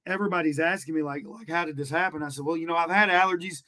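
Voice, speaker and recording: A man co-hosting a podcast, hoarse and strained, chatty as he tells anecdotes. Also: a little high, fairly even intonation, rapid-fire, bright, forceful tone, no room sound. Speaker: podcast co-host and teacher. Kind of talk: casual podcast chat.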